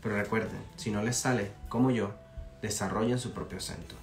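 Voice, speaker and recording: A young Venezuelan man gives a relaxed live English lesson, talking in a friendly, chatty way and often stopping to check in. He repeats phrases slowly so listeners can practice them. Faint music plays behind his voice. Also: on the low side. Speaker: English teacher. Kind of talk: live-streamed language lesson.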